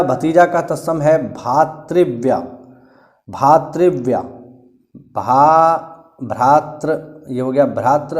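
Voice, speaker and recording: A man's voice: mid-range voice, darkish tone. A man teaching an exam-prep lecture, explaining patiently and repeating key words for emphasis. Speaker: Hindi teacher.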